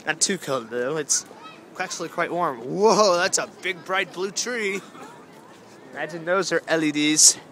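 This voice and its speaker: A man's voice: fairly high pitch, unhurried, pushed and bright. A young man narrating a casual walk through a zoo light show at night, rambling and easily amused, recorded on a handheld camera. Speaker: vlogger. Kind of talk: casual walking commentary. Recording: noisy crowded outdoor camera audio. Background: crowd chatter and outdoor noise.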